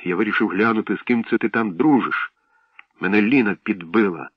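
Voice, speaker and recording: A man's voice: on the low side, brisk, no room sound, distant mic, natural voice. A man voicing a spiteful, sneaky village boy who snaps back sullenly, in a storybook reading. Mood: sullen snapping. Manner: snapping, sullen. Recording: dull lo-fi, dry.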